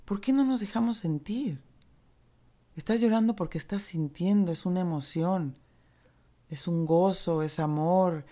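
A woman with a Mexican accent giving a reflective motivational talk on recovery, candid and earthy, mixing gentle encouragement with casual swearing. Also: on the low side, measured pace. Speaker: recovery speaker.

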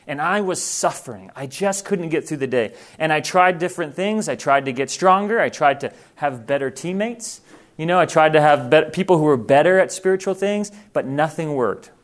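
A man's voice: fairly high pitch, lively intonation, moderate pace. A man who grew up in Thailand, giving an earnest, informal training talk to missionaries and correcting himself as he goes.

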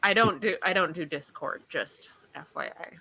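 A woman co-hosting a podcast, talking in a lively, matter-of-fact way in casual chat. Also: fairly low pitch, moderate pace, rough recording. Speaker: podcast co-host.

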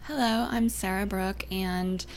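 A young adult woman from Canada and Northern California, chatting as an interview guest, soft-spoken and often trailing off into near-whispers. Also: mid-range voice, steady tone, a little slow, slight background noise. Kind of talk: casual interview chat.

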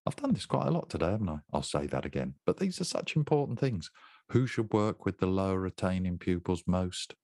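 A man's voice: low-pitched, sing-song, brisk, darkish tone, no room sound, studio quality. A man in his sixties giving an instructional talk to teachers, emphatic and conversational, repeating his key points. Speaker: education trainer.

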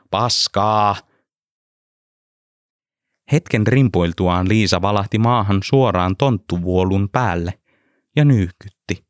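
A man reading a story aloud in a calm, measured narration style. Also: low-pitched, dry recording, clean studio sound.

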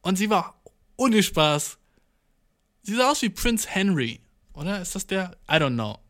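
A man's voice: high voice, sing-song, a little slow, a bit bright. A young man telling rambling everyday anecdotes in a casual, slangy way, swearing and mixing in English words. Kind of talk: casual storytelling monologue.

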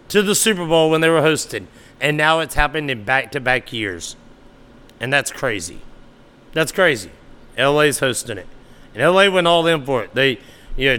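A man's voice: medium pitch, pushed and bright, clean tone. A man hosting a solo sports podcast, talking casually and animatedly, sometimes arguing back at imagined listeners. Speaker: podcast host.

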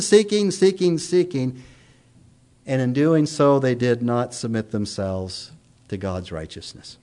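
A man preaching a sermon, stressing points by repeating phrases and slowing down on key lines. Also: fairly high pitch, darkish tone. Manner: emphatic repetition, slows down for key points. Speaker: pastor.

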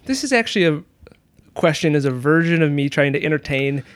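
A man's voice: on the high side, animated, fairly quick. A man in his thirties hosting a podcast, talking casually in a chatty, self-mocking way. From Michigan. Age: 30s. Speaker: podcast host. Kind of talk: casual conversation.

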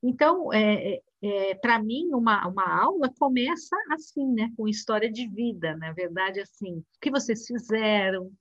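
A woman's voice: medium pitch, animated, moderate pace, hardly any pauses, fairly bright tone, dry recording, lo-fi sound. A woman teacher, chatting in a storytelling way and acting out classroom chatter. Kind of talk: casual conversation.

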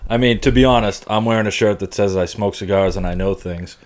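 A man's voice: on the low side, brisk. A man co-hosting a podcast with casual, playful banter and an agreeable manner. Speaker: podcast co-host.

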